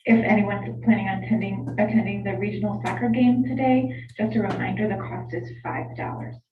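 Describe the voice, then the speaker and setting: A woman's voice: mid-range voice, fairly even intonation, brisk, echoey room. A woman giving a short reminder announcement over the school intercom. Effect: school intercom loudspeaker. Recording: tinny, noisy intercom from far off.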